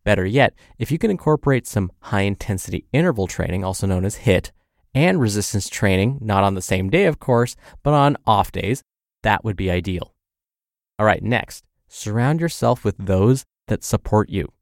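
A man's voice: on the low side, lively intonation, normal speed, dry recording, clean studio sound. A man hosting a health advice show in an upbeat, tidy, instructive manner, speaking directly to the listener in a scripted style. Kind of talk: scripted advice podcast narration.

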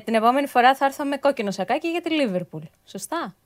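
A woman sports reporter talks in a casual studio chat, explaining herself in a measured way. Her voice sits on the higher side and moves lively up and down. She speaks with easy calm.

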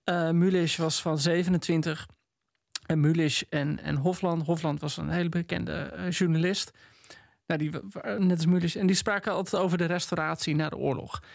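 A man's voice: on the high side, steady tone, moderate pace, gravelly, no echo, clean studio sound. A man with a Dutch accent, co-hosting a podcast and thinking aloud in a casual book discussion. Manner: thoughtful, hesitant with fillers and restarts. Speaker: podcast co-host.

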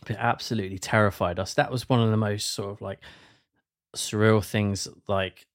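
A man's voice: fairly low pitch, steady tone, moderate pace. A man telling a ghost story casually, rambling with fillers and restarts.

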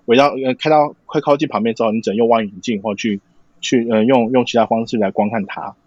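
A man from Matsu with a Taiwanese Mandarin accent, explaining things casually in a halting way with repeated words. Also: mid-range voice, steady tone, darkish tone, no room sound. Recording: dull lo-fi sound, dry.

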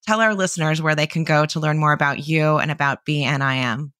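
A woman hosting a podcast interview, enthusiastic and quick to praise her guest. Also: low voice, steady tone, fairly bright tone, no room sound, studio quality. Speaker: podcast host.

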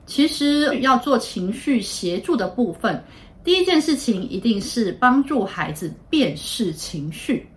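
Calm, patient woman explaining to parents. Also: on the high side. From Taiwan. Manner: calm, patient, with frequent "uh" pauses. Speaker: child psychiatrist host. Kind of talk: explanatory podcast talk.

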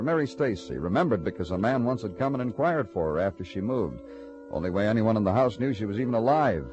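An actor playing a tired hard-boiled city detective, narrating and talking in a clipped, world-weary way in a 1950s radio drama. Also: male voice, mid-range voice, darkish tone, dull audio, natural voice.

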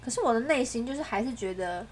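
A woman podcast co-host, telling a story in casual chat with dramatic, animated delivery. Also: on the high side, quick pace.

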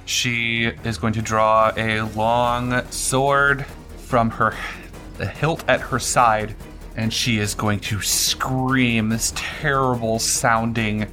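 A man's voice: on the low side, little pitch movement, slow, pushed and bright, faint music behind. A man acting as game master, casually narrating combat and rulings in a tabletop role-playing game.

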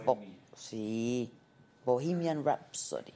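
A woman's voice: rumbling low, drawn-out words, background noise. A middle-aged woman with a Mexican accent, chatty and playful, hosting a live talk show. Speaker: host.

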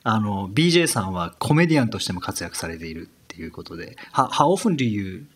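A man's voice: fairly low pitch, sing-song, racing, husky. A man hosting an interview, asking questions and giving many short listening sounds. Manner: attentive, frequent short backchannels. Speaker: interviewer, host. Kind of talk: casual interview chat.

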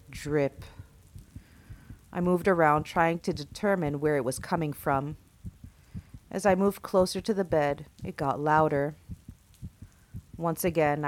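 A woman with a notably low voice narrates a first-person horror tale. Her delivery is slow and hushed, and it leans into suspense. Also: slight background noise.

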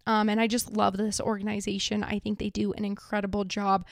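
A woman's voice: mid-range voice, flat delivery, brisk, creaky, dry recording. A woman hosting a podcast in casual, earnest talk, with trouble pronouncing her R's so they sound like W's. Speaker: podcast host.

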